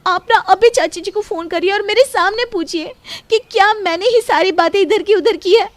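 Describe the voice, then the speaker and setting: A woman's voice: very high voice, normal speed, no room sound, voice pushed up. A woman voicing a young new bride who earnestly pleads her innocence. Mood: pleading.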